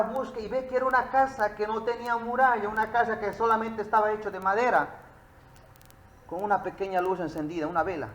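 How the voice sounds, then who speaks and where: High-voiced man preaching, echoey room. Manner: tells a story to the listeners. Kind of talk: sermon.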